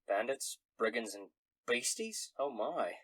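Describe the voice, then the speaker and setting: A man serves as game master for a tabletop role-playing game. He narrates casually in a medium-pitched voice. The sound is dry, with very little room in it. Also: sing-song, a little slow, a bit bright, no echo.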